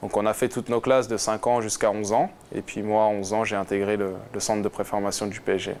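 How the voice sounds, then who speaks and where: A man's voice: on the low side, level tone, brisk, darkish tone, slight background noise. A man in his twenties, a football player, answering interview questions casually and hesitantly, with many fillers and restarts. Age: 20s. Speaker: footballer guest.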